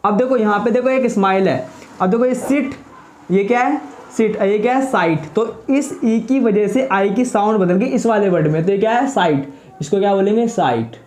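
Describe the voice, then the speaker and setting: In an echoey room, a man with a high, slightly mellow voice explains English spelling rules at normal speed. He patiently poses rhetorical questions and answers them, repeating each point and saying every word twice.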